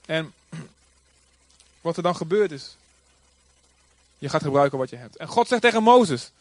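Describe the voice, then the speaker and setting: A man preaching a sermon in a lively, conversational way, joking and acting out quotes. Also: a little high, unhurried, no echo. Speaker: pastor.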